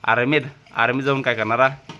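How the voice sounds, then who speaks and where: Man filming family at home, bright voice, teasing the kids, bit of background noise. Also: mid-range voice, steady tone, a little fast, dull audio. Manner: teasing, coaxing shy children. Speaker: vlogger interviewing family kids. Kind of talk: casual family vlog chat.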